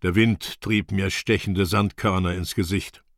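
A man reading a first-person audiobook in a measured, grave storytelling manner, close on the microphone. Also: deep voice, fairly even intonation, dry recording. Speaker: audiobook narrator. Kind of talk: scripted first-person narration.

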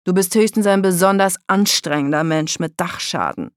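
Tom, a loud sneering boy, as the reader puts him on. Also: mid-range voice, normal speed, dry recording, studio quality, lightly acted. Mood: taunting. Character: mocking teenage boy, a scornful tease. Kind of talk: audiobook character reading.

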